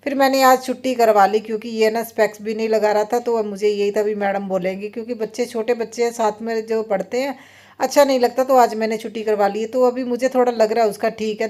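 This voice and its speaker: A woman's voice: fairly high pitch, fairly even intonation, a little fast, a little mellow. A woman in her thirties, a mother and vlogger, chatting through a casual voice-over about her day at home. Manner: chatty, rambling, many fillers. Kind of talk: casual voice-over vlog narration. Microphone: phone voice-over.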